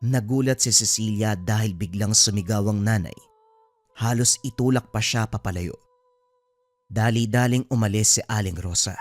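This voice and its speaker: A man narrating a horror story in a steady, solemn storytelling manner. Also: lowish voice, moderate pace, dry recording.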